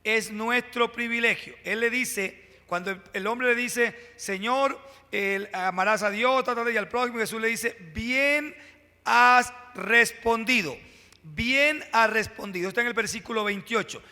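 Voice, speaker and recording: A high, bright male voice, preaching to his congregation. He pushes key words with rising emphasis and drops into pauses and direct asides. The sound rings with a long church reverb. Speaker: pastor. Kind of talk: sermon. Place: church sanctuary.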